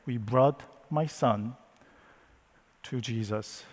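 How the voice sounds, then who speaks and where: Slow emotional storyteller in an echoing hall. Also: male voice, mid-range voice. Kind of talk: first-person dramatic retelling of a Bible story.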